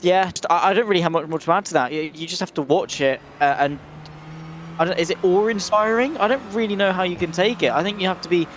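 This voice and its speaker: A male motorsport co-commentator speaks in a moderately high voice with dry, wry understatement. He chats casually and hesitantly over faint car noise. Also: fast talker. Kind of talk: casual race commentary chat.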